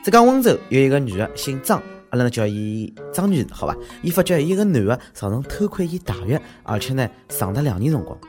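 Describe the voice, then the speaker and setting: A man's voice: medium pitch, very animated, quick pace, hardly any pauses, darkish tone, faint music behind. A man with a Shanghainese accent delivering exclamatory, mocking, slangy comic news commentary as a show host.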